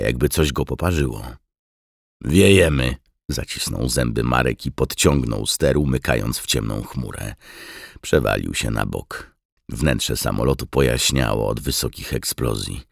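Very deep gravelly guy narrating an audiobook, steady reading, dry close sound. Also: normal speed, no room sound. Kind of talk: scripted narration.

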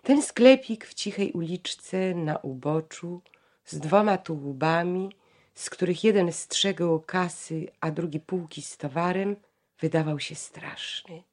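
Woman narrator, low-ish voice, measured expressive audiobook reading.

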